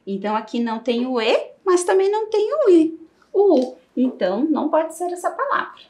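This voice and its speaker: Lively, slow-talking Brazilian woman teacher. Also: high-pitched. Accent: Brazilian Portuguese. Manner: slow, lively, sings out syllables for children. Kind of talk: televised primary school lesson.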